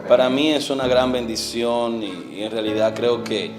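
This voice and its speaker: This is a male evangelist guest from the Dominican Republic, around forty-something, sharing his testimony in interview form. He speaks Dominican Spanish in a mid-range voice, earnest but halting, leaning on frequent fillers and letting his words fade softly while music runs in the background.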